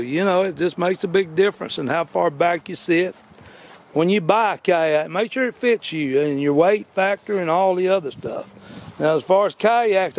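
Out on a grassy yard, an older vlog host rambles through a folksy, casual demo, correcting himself along the way. His voice is high-pitched. Slight background noise is present.

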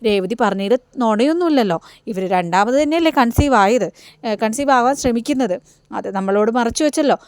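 A woman's voice: a little high, lively intonation, fairly quick, smooth, no room sound, lightly acted. A woman voicing an argumentative young sister-in-law in a story recap.

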